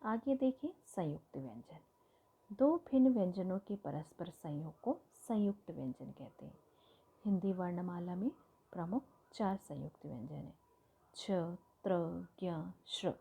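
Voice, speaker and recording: A woman teacher explaining grammar to children slowly and clearly. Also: lowish voice, animated, dark tone. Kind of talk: Hindi grammar lesson for children.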